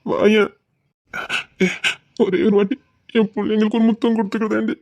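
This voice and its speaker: A man with a Tirunelveli accent playing a remorseful young husband, pleading in a hushed, tearful voice. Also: sits high, flat delivery, brisk. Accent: Tirunelveli Tamil. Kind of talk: web drama acting.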